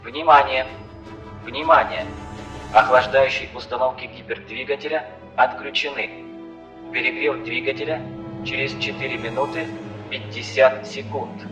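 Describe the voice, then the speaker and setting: Calm ship computer voiced by a male narrator: impassive, flat, measured countdowns, slow, through a roomy intercom with faint music under it. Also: mid-range voice. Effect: echoing ship intercom. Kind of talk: audiobook narration.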